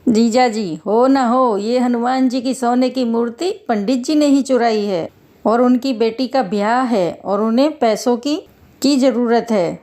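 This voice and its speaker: Lady doing a greedy cowardly village guy, squeaky and frantic, begging. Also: unhurried, dark tone, natural voice. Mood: scheming. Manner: panicky, shrill pleading.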